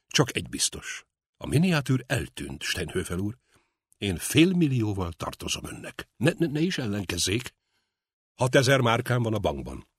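A man reading the part of a stubborn, grieving older butcher who mutters and insists, in a husky, dry-sounding voice. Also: fairly low pitch, sing-song, dry recording. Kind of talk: audiobook character reading.

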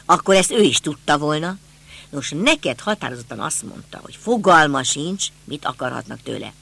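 A man's voice: a little high, lively intonation, gravelly, sharp tone, exaggerated voice. A man voicing a puzzled, questioning young police detective.

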